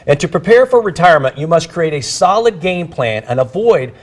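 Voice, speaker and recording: Earnest male retirement coach, higher voice. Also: sing-song, fairly quick. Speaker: financial show host and retirement coach. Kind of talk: conversational financial advice.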